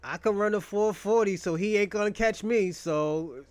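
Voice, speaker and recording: Talking at a moderate pace, a young male podcast host with a strikingly high voice delivers a rambling, profane solo monologue full of crude jokes. His recording sounds close and dry, with no echo from the room.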